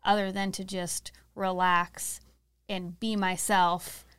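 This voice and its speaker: Chatty woman with a smooth voice. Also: medium pitch, flat delivery, slow pace, fairly bright tone. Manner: earnest and chatty, laughing often. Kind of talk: casual chat.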